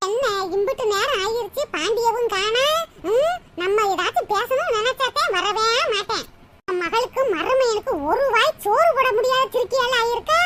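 A woman voicing a spiteful older village mother-in-law in a cartoon, grumbling with scorn, with a southern Tamil accent. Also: moderate pace. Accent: southern Tamil, Tirunelveli. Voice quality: squeaky sped-up high voice. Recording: loud background noise.

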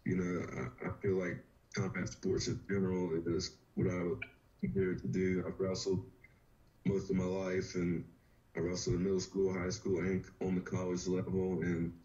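A man in his thirties from rural Virginia talks in a low, deep voice, easygoing and unhurried as he tells his story. He comes through a video call with dull, lo-fi sound. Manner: laid-back, relaxed storytelling with "you know". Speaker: fighter, podcast guest. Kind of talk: casual interview. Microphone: webcam or laptop on a video call.

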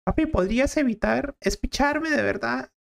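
A man doing a whiny high-pitched boy. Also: moderate pace, gravelly, heavily acted. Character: anxious whiny young son Gervasio.

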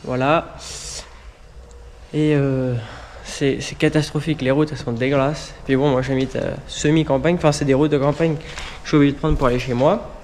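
A man's slightly high, somewhat mellow voice keeps a steady tone and moderate pace as he explains a car repair outdoors in the rain. Chatty and filler-heavy, he speaks directly to his viewers in a casual how-to vlog, with slight background noise.

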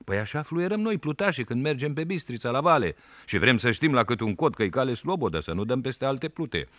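A man voicing a cheeky, quick-witted village schoolboy, a raftsman's son, with playful sing-song calls. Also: medium pitch, sing-song, fairly bright tone, slight background noise, pitched above the performer's own voice.

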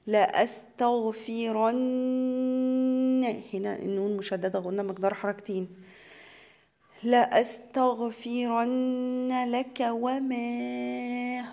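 A woman with an Egyptian accent teaching tajweed to beginners. She explains each rule in quick colloquial speech, then recites the words slowly and drawn out. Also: mid-range voice, creaky, a little mellow. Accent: Egyptian Arabic.

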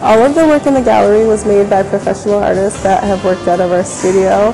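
In a large indoor gallery, a young woman who works at a glass studio talks casually about it for an on-camera interview, with lots of fillers and restarts. She speaks quickly in a mid-range, fairly even voice. The lapel-mic recording is rough, with music underneath.

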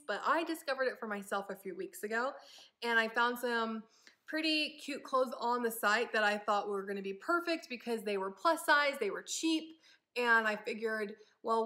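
Young woman, fairly high bright voice, casual upbeat haul chatter, ums. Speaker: vlogger. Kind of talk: casual try-on haul chat.

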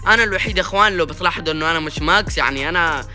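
A young man giving excitable, sing-song commentary while playing a mobile game, cheering and groaning as he goes. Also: a little high, very fast, soft background music. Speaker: gaming YouTuber. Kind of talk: gameplay commentary.

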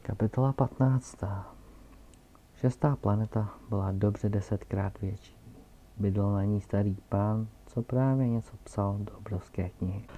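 A man reading a storybook aloud with calm, steady pacing. His voice is low and gravelly, with a very dark, mellow tone. The recording sounds dull and lo-fi. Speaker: reader.

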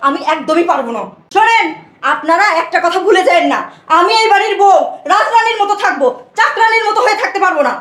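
A woman's voice: very high-pitched, expressive, fast talker, fairly bright tone, echoey room. An actress playing a spoiled, arrogant young wife who mocks and defies her in-laws in a short-film drama. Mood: scornful. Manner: mocking, defiant.

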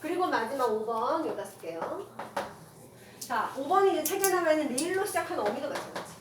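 A woman teaching a classroom grammar lecture, firing quick rhetorical questions at her students and mixing casual with polite speech. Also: sits high, lively intonation. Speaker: Korean language teacher. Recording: echoey room from far off, noisy.

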